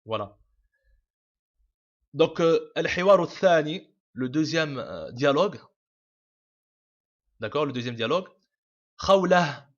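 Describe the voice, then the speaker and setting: A man's voice: on the high side, big pitch swings, slow pace, pauses often. A man teaching a casual video lesson, explaining patiently with many fillers, restarts and repeats. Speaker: Arabic teacher. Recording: dull lo-fi home recording.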